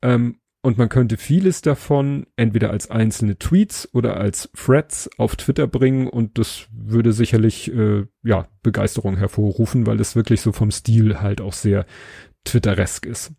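A man hosting a podcast, giving a relaxed, casual spoken book review and pausing to search for words. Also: fairly low pitch, gravelly, husky, no echo, clean studio sound.

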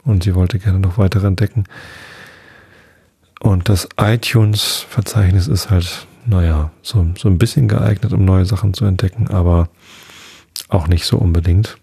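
A man hosting a podcast, reading a fairy tale in a calm, unhurried way. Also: deep voice, gravelly, breathy edge, no echo. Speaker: podcast host and storyteller.

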